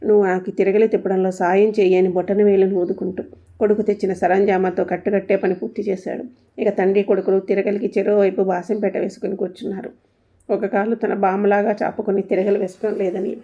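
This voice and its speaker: A woman narrates a light domestic comedy in an even, unhurried reading voice. Her pitch stays flat, and her delivery carries a mild wry humour. The recording sounds dull and lo-fi. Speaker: storyteller. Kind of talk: storybook narration.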